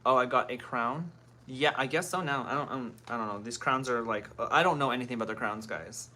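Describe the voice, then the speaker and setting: Bright-voiced woman chatting on a livestream. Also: a bass voice, brisk, slight background noise. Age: 30s. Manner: reads out and greets commenters while doing makeup. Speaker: livestream host. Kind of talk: casual live-stream chat. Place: at home.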